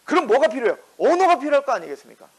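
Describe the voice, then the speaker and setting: A male pastor preaching a sermon in a lively way, firing rhetorical questions and acting out the quotes in his story. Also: extremely high pitch, very fast, low-quality recording.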